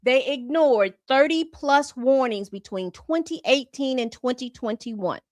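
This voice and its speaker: High-voiced woman commenting on a news report. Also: unhurried, no echo. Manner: reads documents aloud then comments with exasperated asides. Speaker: commentary channel host. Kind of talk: casual commentary reading reports.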